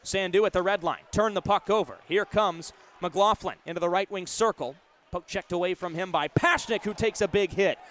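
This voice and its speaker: A man in his twenties gives live radio play-by-play of a hockey game, using clipped, vivid running narration. His voice is high and a bit bright, at normal speed.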